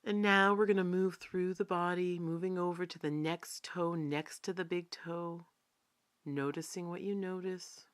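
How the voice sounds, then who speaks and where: Speaking in a slightly low voice, a woman guides listeners through a body scan meditation. She goes very slowly and calmly, leaving long pauses between phrases, and instructs gently like a teacher who never rushes anyone.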